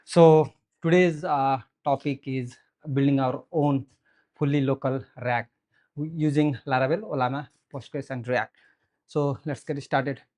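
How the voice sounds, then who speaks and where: A man's voice: mid-range voice, fairly even intonation, a little slow, darkish tone. A man from Nepal in his thirties with a Nepali accent, giving a meetup tech presentation into a handheld mic, earnest and explanatory with many "so" and "uh" fillers. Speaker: software engineer giving a meetup talk. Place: meetup room with audience, indoors. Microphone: handheld microphone.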